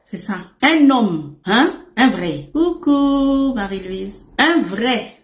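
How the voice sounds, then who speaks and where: A woman's voice: fairly high pitch, takes it slowly. A woman relationship coach giving casual advice to men, emphatic and repetitive, often calling the listener her emperor, with playful asides. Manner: animated and playful, with asides and laughs. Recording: echoey room.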